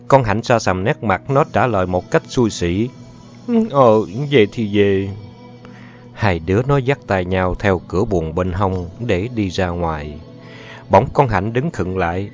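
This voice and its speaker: Male audiobook narrator, measured and expressive, lively pitch, dull lo-fi sound, faint music. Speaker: storyteller.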